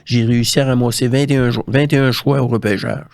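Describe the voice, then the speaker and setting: The mid-range voice of this older Quebec French-accented man is creaky and a little mellow, with fairly even intonation and a quick pace. A former hockey scout and interview guest, he tells career stories casually, re-enacting conversations colloquially through quoted dialogue. The recording is dry.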